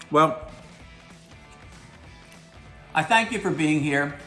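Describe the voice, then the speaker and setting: A man's voice: mid-range voice, a bit bright, reverberant. A middle-aged man hosting a casual vlog, tasting a meal he cooked, with a folksy, enthusiastic manner. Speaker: host.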